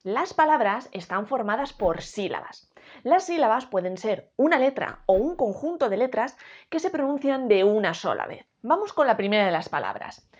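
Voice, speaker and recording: Lively Spanish woman teaching a class. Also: fairly high pitch, lo-fi sound. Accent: Spain Spanish. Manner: slow, clear teacher talk, spelling out syllables. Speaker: educator. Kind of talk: explaining a lesson to students.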